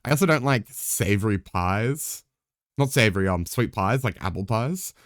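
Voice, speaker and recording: A man's voice: fairly low pitch, lively intonation, moderate pace, dry recording, clean studio sound. A young man live-streaming a game, chatting casually in a rambling way, swearing freely, with wry asides to his viewers.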